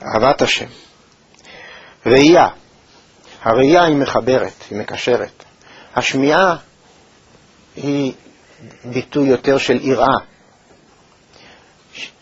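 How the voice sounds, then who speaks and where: Man giving a measured Torah lesson. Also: medium pitch, breathy edge. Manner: measured, thoughtful delivery with pauses and hesitations. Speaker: Torah teacher. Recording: dull, lo-fi recording.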